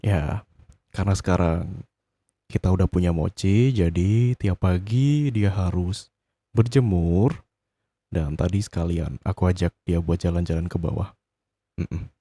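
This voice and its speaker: A man in whispered role-play as a doting, wealthy husband who talks softly and teasingly to his partner. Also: low voice, unhurried, pauses often, no room sound. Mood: playful. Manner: soft, intimate, teasing boyfriend talk. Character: doting rich husband, possessive and gently scolding. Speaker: ASMR role-play voice actor.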